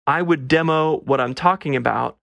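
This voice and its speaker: A man's voice: fairly high pitch, moderate pace, gravelly, fairly bright tone, no room sound. A man hosting a casual solo podcast, talking in a wry, conversational way, recorded on a phone microphone held up to his face. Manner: conversational, wry and self-deprecating. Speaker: podcast host.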